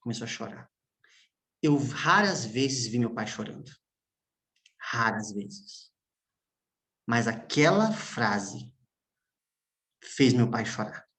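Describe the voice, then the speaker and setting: A man, a pastor preaching a sermon as emotional storytelling, with long pauses and hushed moments. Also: mid-range voice, animated.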